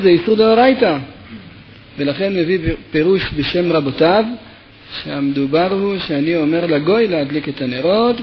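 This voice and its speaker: A man's voice: a little high, muffled recording, a little hiss or hum. A man teaching a Torah lesson, telling a parable with acted quotes and then explaining legal texts step by step. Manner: storytelling with lively acted quotes, then steady explanatory reading of legal text. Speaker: rabbi teaching.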